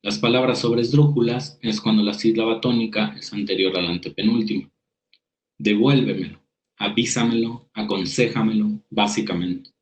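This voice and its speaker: A man's voice: lowish voice, steady tone, normal speed, rough recording. A man teaching a writing workshop. He reads definitions aloud, then explains them with examples, restarting his sentences now and then. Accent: Mexican Spanish. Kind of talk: spoken lecture over slides.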